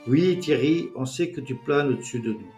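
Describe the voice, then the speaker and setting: A man's voice: mid-range voice, moderate pace, a little mellow, faint music behind, voice pushed up, natural voice. A man voicing a bossy, teasing small-town mayor chairing a meeting.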